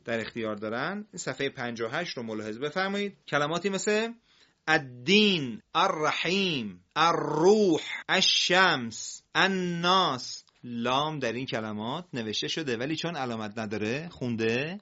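A man teaching Quran reading on a broadcast, explaining patiently, asking students questions and drawing words out slowly. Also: mid-range voice, lively intonation, fairly bright tone, muffled recording.

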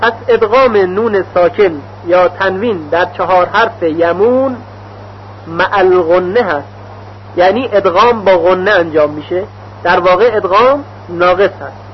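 A man with a high voice teaching recitation rules in a measured, deliberate way. He stretches out the example syllables as he demonstrates them. The recording is dull and lo-fi, with a faint hum underneath. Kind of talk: slow instructional explanation with recited examples.

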